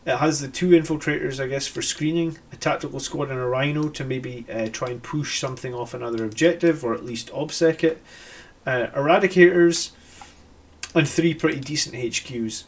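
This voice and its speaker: A Scottish man hosts a live stream, musing over army lists with plenty of fillers and self-corrections. His voice is medium-pitched and he talks at a moderate pace, in a casual commentary style.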